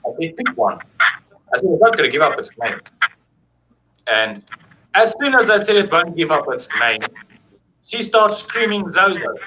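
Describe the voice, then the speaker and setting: A man telling a paranormal story in a casual, animated way, acting out quoted dialogue and swearing freely. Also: fairly high pitch, normal speed, pauses often, noisy background.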